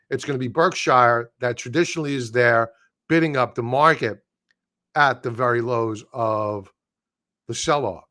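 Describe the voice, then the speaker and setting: A man runs a live market stream, going through charts bluntly and opinionatedly with casual slang. He is losing his voice, so it turns hoarse and breaks into throat-clearing. His pitch is medium and his tone fairly bright.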